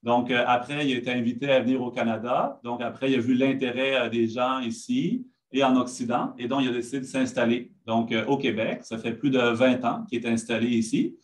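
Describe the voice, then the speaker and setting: A man's voice: mid-range voice, steady tone, brisk, few pauses. A man hosting a meditation talk, introducing the speaker in a friendly, hesitant way with frequent fillers. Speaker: host.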